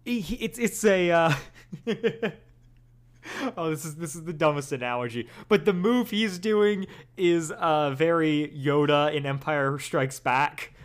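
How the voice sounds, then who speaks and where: A young man co-hosting a casual podcast, animated and quick to laugh, slipping into playful quoted voices as he talks through an episode. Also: fairly high pitch. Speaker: podcast co-host. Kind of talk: casual chat reviewing an audio drama episode.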